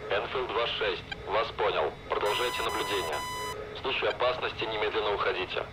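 A man voicing a calm male air controller heard over a game radio channel, his low voice clipped and formal. It sounds set back from the mic. A loud wash of static runs beneath every word. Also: fairly quick, far from the mic. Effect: radio transmission over headset.

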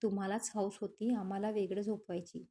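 A woman's voice: medium pitch, fairly even intonation, brisk, mellow, lightly acted. A woman voicing a playful, pleading young husband.

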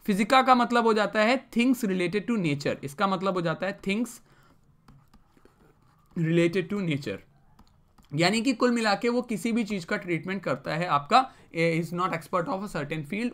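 A man's voice: sits high, fairly bright tone. A male teacher giving a vocabulary lesson, mixing English terms into Hindi and asking the class questions he then answers himself. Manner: explains with repeated rhetorical questions.

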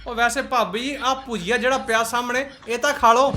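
A man's voice: extremely high pitch, steady tone, fairly quick, noisy background. A man with a Punjabi accent giving mocking, sarcastic reaction commentary in colloquial speech. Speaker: host of a roast reaction channel.

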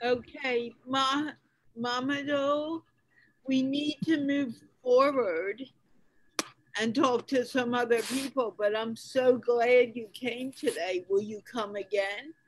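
An older woman leads an English conversation class on a video call. Her voice sits high and she speaks slowly, with patient teacherly care, over a call connection. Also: fairly even intonation, poor audio. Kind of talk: online video call chat.

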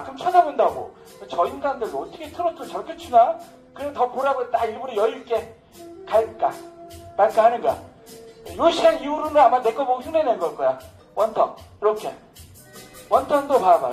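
A man's voice: very high voice, a little mellow, low-quality recording. A middle-aged man teaching social dance, talking casually and boastfully with jokes as he demonstrates. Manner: boastful, joking, casual banter. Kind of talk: dance lesson with live commentary.

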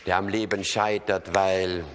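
Rhineland cabaret man, lively up-and-down delivery, live in a big hall with long reverb. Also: fairly low pitch, moderate pace, noisy background. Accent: Rhineland German. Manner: wry, chatty, lots of tag questions. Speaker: cabaret comedian. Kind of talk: live stage comedy monologue. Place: opera house stage.

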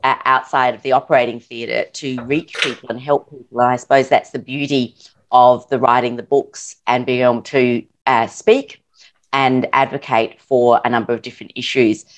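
A woman's voice: extremely low pitch, fairly even intonation, normal speed. A woman with an Australian accent, an interview guest who answers in an earnest, thoughtful way with some hesitations. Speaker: surgeon and author, guest.

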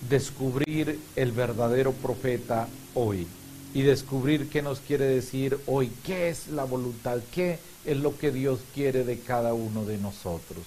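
A middle-aged man speaks as a priest at Mass, with a medium-pitched voice. His delivery is solemn and measured, with deliberate pauses between phrases. A hiss sits behind the voice. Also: warm tone, poor audio. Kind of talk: homily and prayers at Mass. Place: small indoor chapel room. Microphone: lapel mic. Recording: clear background hiss.

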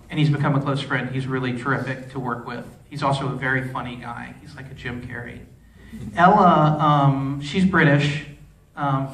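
A film director answering audience questions at a festival Q&A, rambling, restarting sentences and using many fillers. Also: male voice, mid-range voice, a bit bright, slight background noise. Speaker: film director at a post-screening Q&A. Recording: echoey hall, voice from far off.

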